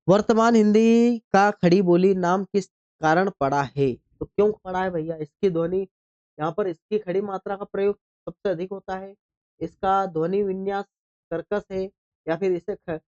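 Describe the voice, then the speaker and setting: A man's voice: high-pitched, a little mellow, muffled recording. A man teaching an exam-prep lesson, reading quiz questions, repeating each answer back as a question and calling his listeners brother.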